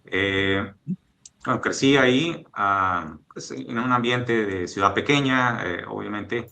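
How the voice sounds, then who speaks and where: A man from Mexico in his fifties, a guest executive speaking in a measured, thoughtful interview style with frequent fillers and restarts. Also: on the low side, gravelly, bright, forceful tone. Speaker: guest, oil and gas executive. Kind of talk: relaxed interview conversation.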